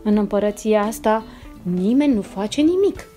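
A woman's voice: medium pitch, animated, warm tone, faint music behind, close to an everyday voice. A woman voicing a sly, scheming female neighbor cat in a children's storybook. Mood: coaxing.

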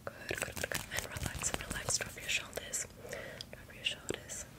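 A woman in her twenties doing fast whispered ASMR in a breathy, unvoiced whisper, repeating words and giving little instructions. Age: 20s. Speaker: ASMR creator. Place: small bedroom indoors.

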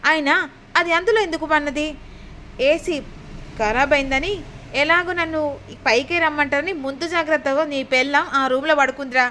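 A woman's voice: sits high, steady tone, normal speed, long pauses, sharp tone, a little hiss or hum. A woman voicing an anxious, scheming old grandmother in a retold serial, urgent and scolding.

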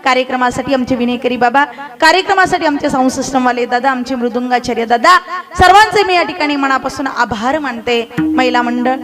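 A woman with a Marathi accent preaching a devotional kirtan sermon, shouting from the belly in impassioned, repetitive phrases and acting out comic stories. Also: sits high, brisk, over music. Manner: acts out a crying old woman in a comic story.

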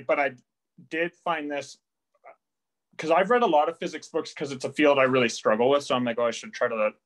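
A man's voice: medium pitch, a bit bright, rough recording. A man in a casual online book discussion, rambling with many fillers and some self-deprecation. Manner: rambling, lots of likes and ums, self-deprecating. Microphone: video call.

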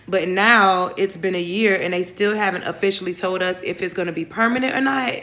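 A woman's voice: lowish voice, fairly quick, pushed and bright. A young woman, chatting casually to viewers in a vlog from her phone. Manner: chatty, rambling, addresses viewers as y'all. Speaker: vlogger. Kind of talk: casual vlog chat to camera. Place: home living room, then parked car. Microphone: phone camera at arm's length.

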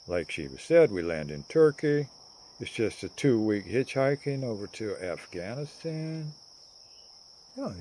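An older man voicing a dreamy young hippie woman traveler who prays softly and muses aloud, recorded close on a phone camera in a garden outdoors. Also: medium pitch, slight background noise.

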